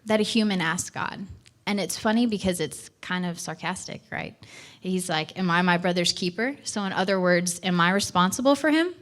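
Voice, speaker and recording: A young woman, a church missions director, giving an earnest, chatty talk from a stage, with fillers and self-corrections. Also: lowish voice. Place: church hall.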